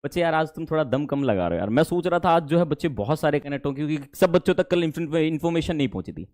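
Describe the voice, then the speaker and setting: Man, Indian accent, English tutor, live class, encouraging, high-pitched, very expressive. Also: fast talker. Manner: animated, coaxing, calls students "dear children". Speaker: spoken English teacher.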